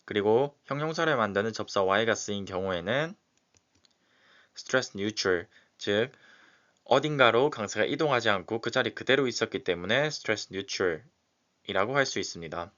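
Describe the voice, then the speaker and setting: A man teaching, who slowly and methodically explains exam questions one example at a time. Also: fairly low pitch, animated, fairly bright tone. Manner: slow and methodical, walking through examples step by step. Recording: dull, lo-fi recording.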